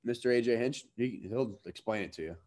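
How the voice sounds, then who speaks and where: A man's voice: mid-range voice, fairly quick, a little mellow. A man chatting casually as a ballplayer, telling anecdotes in a slangy way. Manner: slangy, acts out quoted dialogue. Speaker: professional baseball player.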